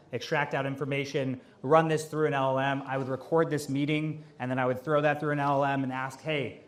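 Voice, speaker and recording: A young man answering questions at a live event, talking casually with lots of "like" and "um". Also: a little high. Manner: casual, filler-heavy, lots of "like". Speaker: AI consultant on stage. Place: office event space with audience.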